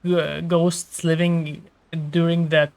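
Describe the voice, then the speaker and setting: A man's voice: a little high, flat delivery, slow pace, creaky, darkish tone, clean tone. A man playing a video game and reacting in casual, playful, jokey commentary. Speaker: gamer. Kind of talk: casual let's-play commentary.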